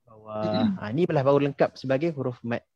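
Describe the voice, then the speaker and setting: A man's voice: medium pitch, expressive, a little fast, mellow, no room sound, highs cut off. A young man teaching a class online, patiently quizzing students and filling gaps with "ha" and "okey". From Malaysia. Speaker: tajwid teacher. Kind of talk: casual online class instruction.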